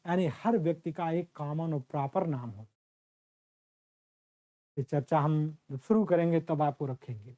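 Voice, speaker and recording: A man teaching a grammar class as the teacher, drawing out example sentences slowly and calling his students his children. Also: sits high.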